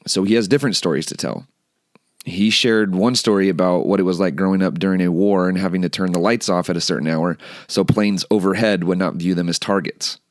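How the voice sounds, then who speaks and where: A man with a low voice hosts a podcast, relaxed and earnest, now and then restarting a phrase. The sound is dry and close, with no room around it. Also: no room sound. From United States. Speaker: podcast host. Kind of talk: podcast intro and interview. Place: California.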